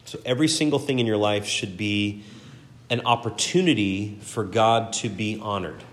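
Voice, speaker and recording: This is Bible teaching from a man leading Sunday school, his fairly low voice moving at normal speed. He reads scripture with earnest emphasis and frequently repeats words while searching for how to phrase things.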